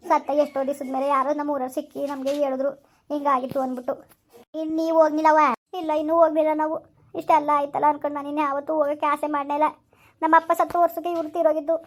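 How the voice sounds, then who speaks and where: A high-voiced woman with a rural Kannada accent talks quickly and steadily. She speaks in a plaintive, lamenting way, playing the parts of a homemade village drama. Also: little pitch movement. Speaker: channel host and storyteller.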